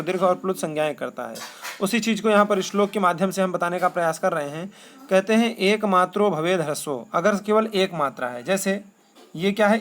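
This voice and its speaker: A man. He chants verses slowly and poses questions that he then answers himself. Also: high-pitched, slight background noise. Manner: asks rhetorical questions and answers them himself. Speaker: Sanskrit teacher. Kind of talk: classroom lesson.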